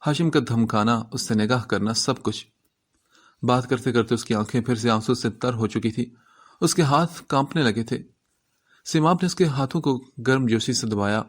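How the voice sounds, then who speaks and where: Man narrating a romance novel. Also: mid-range voice. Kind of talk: Urdu novel audiobook narration.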